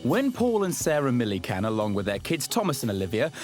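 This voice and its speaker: Lively punning male property presenter. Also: medium pitch, brisk, music in the background. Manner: playful, punning, theatrical asides. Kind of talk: jokey TV presenting and narration.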